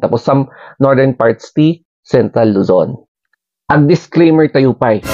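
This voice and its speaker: Male vlogger with a Cordilleran Ilocano accent, soft-spoken and easygoing. Low, warm voice, dry close recording. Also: no room sound, dull audio. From Benguet, Cordillera, Philippines. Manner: soft-spoken, chuckles between points. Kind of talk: casual explainer to camera.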